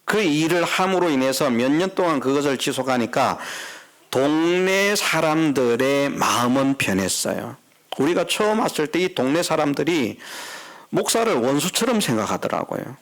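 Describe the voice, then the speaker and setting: A man's voice: a little high, big pitch swings, moderate pace, a bit bright. A middle-aged man preaching a sermon as pastor in a church, talking conversationally and putting questions to the congregation. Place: church sanctuary.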